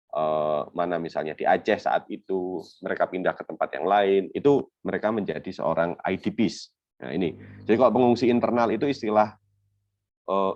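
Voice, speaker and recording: Young guy lecturing on a webinar, really low voice, chatty w/ lots of ums, dull dry call audio. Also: darkish tone, dry recording. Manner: conversational, many fillers and hypothetical examples. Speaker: webinar speaker on refugee law. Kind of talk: academic webinar presentation.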